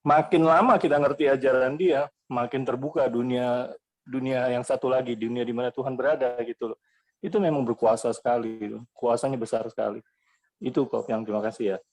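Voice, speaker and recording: Man with a mid-range voice hosting a call-in talk, relaxed and reassuring. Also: mid-range voice, brisk, rough recording. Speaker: host. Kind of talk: casual talk moderating callers.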